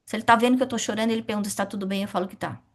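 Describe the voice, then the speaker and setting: A middle-aged woman leads a spiritist study class, lively as she poses questions and answers them herself. Her voice is mid-range and she races along.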